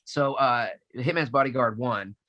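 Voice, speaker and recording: A man in his forties speaks as a guest in a relaxed interview. His voice sits in a middle pitch. He tells a story eagerly, with false starts, and slips into the voices of the people he quotes. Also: a little slow, lo-fi sound. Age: 40s. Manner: animated storyteller, acts out quotes, many restarts. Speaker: voice actor guest.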